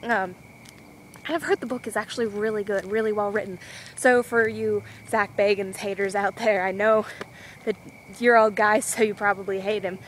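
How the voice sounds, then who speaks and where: A woman's voice: mid-range voice, fairly even intonation, normal speed, slight background noise, poor audio. A young woman walking outdoors with a handheld camera, vlogging in a rambling, scatterbrained, giggly way. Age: young adult. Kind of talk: rambling casual vlog.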